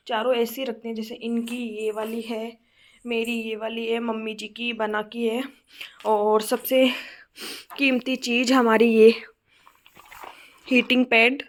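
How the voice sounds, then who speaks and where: A young woman vlogging casually at home, hoarse from a cold and laughing often as she chats. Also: fairly high pitch. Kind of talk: casual home vlog chat. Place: bedroom at home.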